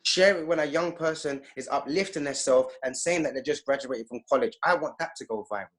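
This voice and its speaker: A man's voice: medium pitch, a little fast, a bit bright. A man speaking as an interview guest. He talks in an emphatic, preachy way over a video call. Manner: emphatic, preachy, acts out quoted voices. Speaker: guest speaker, youth activist. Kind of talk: impassioned interview talk.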